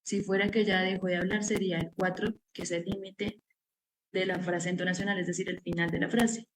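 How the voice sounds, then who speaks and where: In an academic seminar, a woman walks through her research step by step, explanatory and leaning heavily on fillers like "pues." Her voice is fairly low and flat, her pace fairly quick, and the audio quality is poor.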